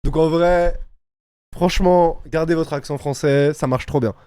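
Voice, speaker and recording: Young French-accented male streamer, lively reactions, fairly high, dry close sound, light music under. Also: unhurried, clear, resonant tone, no room sound. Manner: excitable, exclamatory, laughs often. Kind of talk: live reaction commentary.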